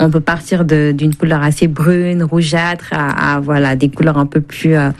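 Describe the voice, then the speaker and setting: This woman from Senegal, a cookbook author and food blogger, is a guest on a radio interview. Her deep voice has a flat delivery, a moderate pace and a slightly mellow quality. She explains things conversationally, rephrasing as she goes.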